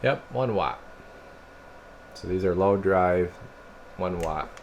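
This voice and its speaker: A deep-voiced American man, a radio technician, speaks slowly while giving a casual hands-on demonstration. Steady, clearly audible background noise sits behind his voice.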